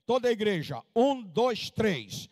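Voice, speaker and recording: A missionary preacher in his seventies, from Minas Gerais, delivers a sermon in a strikingly high voice. He reads scripture slowly and stresses his points with fervor. The sound is dry and close, with no room echo. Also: big pitch swings, a little mellow. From Minas Gerais, Brazil. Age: 70s. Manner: slow emphatic scripture reading, rising to fervent preaching. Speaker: missionary pastor.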